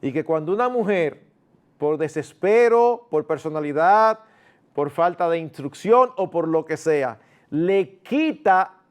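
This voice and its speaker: A male pastor delivers a sermon. His voice sits high, and he talks to the congregation in a lively, conversational way, stepping into everyday family dialogues in a raised voice.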